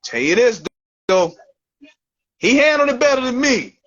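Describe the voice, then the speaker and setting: A man's voice: very high-pitched, big pitch swings, a little slow, fairly bright tone. Slangy man chatting on a lo-fi line. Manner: loose, slangy, repeats himself. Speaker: show host. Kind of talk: casual chat.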